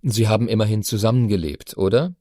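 A weary, patient middle-aged father from an audiobook, as the reader puts him on, with calm, soothing replies in a dark, mellow tone. The sound is dry and close to the mic. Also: lowish voice, fast talker, no echo, close to an everyday voice. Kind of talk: audiobook character voice.

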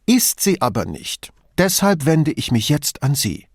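A man's voice: a little high, big pitch swings, measured pace, breathy edge, no echo, clean studio sound, pitched above the performer's own voice, exaggerated voice. A man reading an audiobook, playing a fussy, submissive male bureaucrat in a raised, pedantic voice.

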